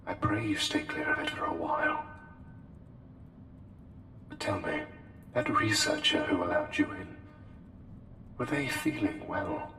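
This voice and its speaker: A man performs an intimate ASMR roleplay as a courtly, intense plague doctor who seems not quite human, his voice low and very slow. He uses formal, archaic phrasing with careful, hesitant pauses, animated yet deliberate and slyly menacing. The hall is reverberant, with music in the background.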